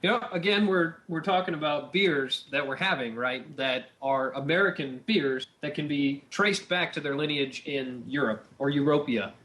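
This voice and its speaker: A man's voice: a little high, moderate pace, hardly any pauses, bright, forceful tone. A man co-hosting a casual beer-tasting chat, rambling and easygoing with lots of filler. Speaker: podcast co-host.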